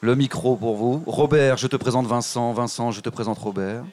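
Lively man hosting a live reading. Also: medium pitch, moderate pace. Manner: lively, encouraging, addresses the audience directly. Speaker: host of a public reading event.

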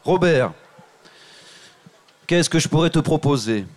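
A man hosting a public reading event, lively and encouraging as he addresses the audience and guests directly. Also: on the high side, measured pace.

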